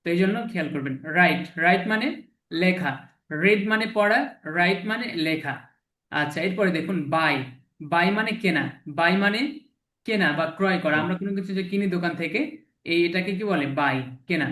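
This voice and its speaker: A man teaching English vocabulary to a class, slowly repeating each word and its meaning. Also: high voice, sharp tone, reverberant, poor audio. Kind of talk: classroom lesson with repetition drills.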